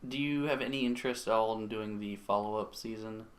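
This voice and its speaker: A man's voice: fairly low pitch, brisk, crowd noise. A man co-hosting a casual podcast chat, making jokes and asking follow-up questions. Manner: joking, asks follow-up questions. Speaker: podcast co-host.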